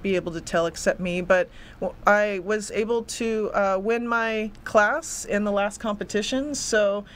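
A woman's voice: mid-range voice, a little slow, hardly any pauses, slight background noise. Earnest young woman guest. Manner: earnest, eager, repeats words when excited. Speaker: fitness coach and guest. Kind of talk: studio interview, casual. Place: small studio set with a city backdrop. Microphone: desk microphone on a stand.

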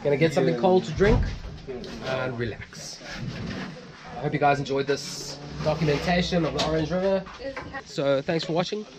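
A man's voice: on the high side, normal speed, pauses often, a crowd in the background. A man in his thirties with a South African accent, chatting casually to a handheld camera outdoors. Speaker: vlogger. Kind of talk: casual vlog chat. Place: outdoors by river and roadside. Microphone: handheld camera at arm's length. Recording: noisy outdoor wind and vehicle sound.

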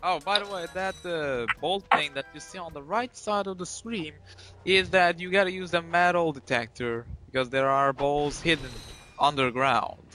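A man co-commentating a video game in casual banter, excitable and teasing. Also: fairly high pitch, moderate pace. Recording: game music behind. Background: video game music.

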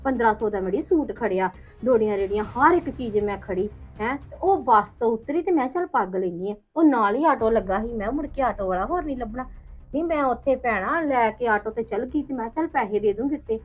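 A woman's voice: a little high, lively intonation, brisk. An actress playing an aggrieved village woman who rambles through complaints about her in-laws, quoting them as she goes. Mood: indignant. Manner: indignant, rambling complaint with quoted asides. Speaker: actor in a short film. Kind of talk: village family drama. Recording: dull lo-fi sound with faint music.

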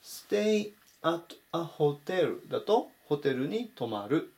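A man teaching English vocabulary in Japanese, saying each word slowly and clearly in a voice-over lesson. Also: fairly high pitch, very animated, a little mellow. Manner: slow, careful spelled-out pronunciation of English words.

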